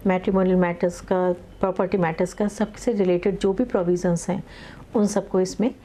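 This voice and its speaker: Measured woman advocate, flat mellow voice. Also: fairly low pitch, slight background noise. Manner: measured, many filler pauses, mixes English legal terms into Hindi. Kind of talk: explaining in conversational interview.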